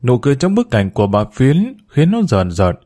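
A man hosting his own channel, reading a serialized story aloud in a measured, calm manner. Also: medium pitch, soft background music.

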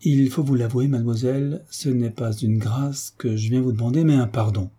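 Earnest young nobleman for a storybook, dark and husky, read by a man. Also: medium pitch, steady tone, normal speed, lightly acted. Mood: pleading. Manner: earnest, pleading.

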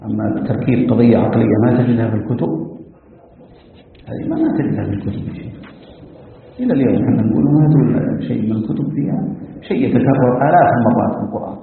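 A man teaching a Quranic recitation lesson, giving animated, emphatic commentary with asides. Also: medium pitch, racing. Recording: tinny phone-like audio, echoey hall.

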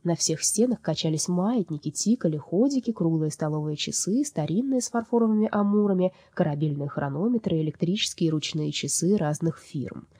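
A woman narrates a fairy tale in a lively, expressive storybook manner, her lowish voice swinging widely. Her tone is mellow and a little husky, caught close and dry. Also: brisk, few pauses, no room sound. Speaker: audiobook narrator.

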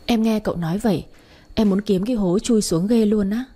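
Mellow, husky woman narrating a romance. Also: mid-range voice, fairly quick. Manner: chatty, addresses listeners directly. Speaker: story narrator. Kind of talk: first-person romance story reading.

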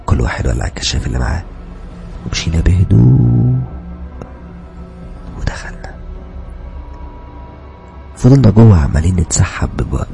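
Fast, gravelly Egyptian horror storyteller. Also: male voice, low voice. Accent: Egyptian Arabic. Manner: shifts between hushed whispers and loud, urgent lines. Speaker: narrator. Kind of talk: dramatic horror story narration. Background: background music.

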